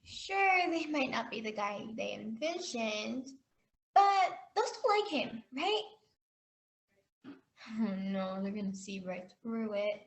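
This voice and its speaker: A woman's voice: a little high, big pitch swings, slow, exaggerated voice, rough recording. An actress playing an anxious young woman in a comedy sketch, fretting and laying down rules. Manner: nervous, fretful, over-explaining. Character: anxious young woman introducing her boyfriend. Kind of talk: amateur comedy sketch acting.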